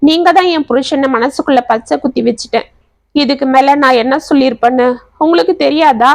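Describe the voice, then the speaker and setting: A woman's voice: high voice, fairly quick, no room sound. A woman voicing a tearful, pleading young woman in love.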